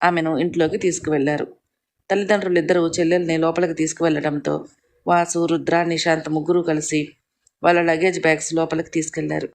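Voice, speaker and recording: A storyteller giving a scripted narration of a family drama in a steady, even manner. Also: mid-range voice, gravelly.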